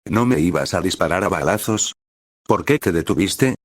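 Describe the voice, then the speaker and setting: A man's voice: deep voice, animated, normal speed, slightly rough, no room sound, studio quality. A man voicing a fearless young male mage who speaks bluntly and with indifference. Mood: indifferent.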